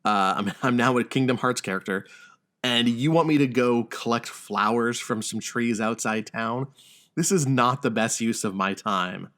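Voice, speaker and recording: The man hosting this podcast talks at a moderate pace in a medium-pitched voice with a fairly bright tone. His casual chat about news and video games is wry, full of jokes and mildly profane.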